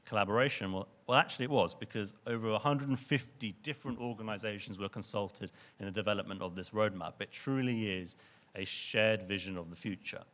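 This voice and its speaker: A man's voice: on the low side, brisk, a bit bright. A young man giving a conference presentation to an audience in a lecture venue, speaking earnestly and often restarting or repeating words.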